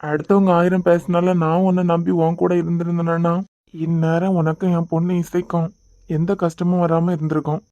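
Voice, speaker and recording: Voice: mid-range voice, level tone, brisk, dark tone, dull audio, close to an everyday voice. A performer voicing a young father in a cartoon, soothing and brushing off his injury, with a Kanyakumari Tamil accent. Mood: soothing, hurt. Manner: soothing, dismissive of his pain. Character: young father, gentle and stubborn. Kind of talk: cartoon voice acting.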